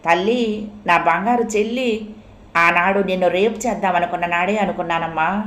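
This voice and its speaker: A woman's voice: on the low side, moderate pace, a bit bright, natural voice. A woman voicing a weeping young film hero, overwrought and tearful, in an echoey recording. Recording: roomy echo.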